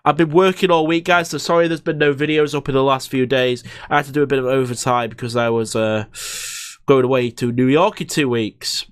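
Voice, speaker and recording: A man's voice: medium pitch, fairly even intonation, brisk, clean tone, dry recording. Chatty young man with a dry close mic. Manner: chatty, rambling, frequent fillers and restarts. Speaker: gaming YouTuber. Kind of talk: casual let's-play commentary. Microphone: desk microphone in front of him.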